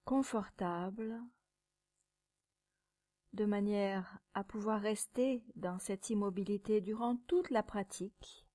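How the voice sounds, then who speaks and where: Soft and occasionally breathy, a medium-pitched female voice leads a yoga nidra meditation. She speaks calmly and soothingly at a measured pace, pausing between short phrases.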